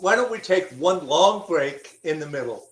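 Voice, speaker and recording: A man co-hosting a radio show, chatting in a halting, easygoing way. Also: fairly high pitch, expressive, low-quality recording. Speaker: radio co-host. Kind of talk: casual radio banter.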